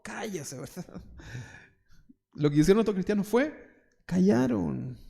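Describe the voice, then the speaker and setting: This pastor speaks Spanish with a Chilean accent, his man's voice sitting high with vocal fry and a dark color. He preaches in a chatty way, firing off rhetorical questions, mocking remarks, and put-on voices.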